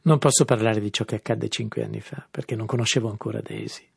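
A man reads out a blustering husband, sarcastic and moralizing. The voice is gravelly and husky, raised in indignation. It sounds close and dry. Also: on the low side, steady tone, fast, no echo, heavily acted. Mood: indignant. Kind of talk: audiobook reading.

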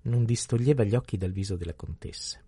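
A man narrating a novel in a steady, even literary reading. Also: on the low side, fast, breathy edge, no echo. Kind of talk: scripted audiobook narration.

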